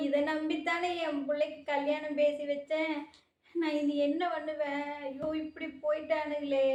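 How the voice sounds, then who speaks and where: A woman's voice: high voice, dark tone, echoey room. A woman playing a poor mother who has lost her savings, pleading and lamenting in a home-made family skit.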